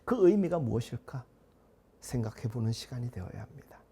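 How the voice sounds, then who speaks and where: A male pastor delivers a sermon in a gravelly, husky voice that sits a little high for a man. His tone is dark and mellow, and his preaching is measured and earnest, with rhetorical questions put to the congregation. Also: very animated.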